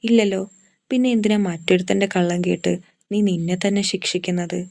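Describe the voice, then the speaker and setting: Woman doing steady supportive girl friend, calming, low flat voice. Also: brisk, vocal fry. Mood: reassuring. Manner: firm and reassuring.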